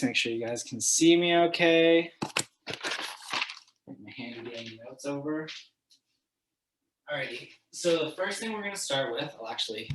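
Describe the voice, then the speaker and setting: A man's voice: mid-range voice, far from the mic, background noise. Man coaching desk stretches, easygoing and encouraging, counts the holds, roomy and a bit off-mic. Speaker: fitness instructor. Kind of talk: guided stretching class. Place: room, moving away from the mic while standing. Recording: echoey room, voice from off the mic.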